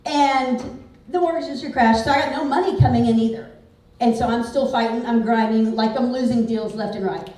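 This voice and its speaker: A woman in her forties gives a candid, conversational motivational talk, peppering it with "like." Her voice sits a little high. She is picked up from a distance in a very echoey hall. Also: brisk, dark tone. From Houston, Texas. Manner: candid, conversational, frequent "like" fillers. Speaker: real estate speaker. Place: large event hall.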